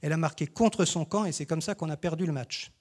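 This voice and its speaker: A man's voice: fairly high pitch, fast talker, a little mellow, natural voice. A man reading aloud the lines of a boastful young schoolboy who captains a football team. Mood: scornful.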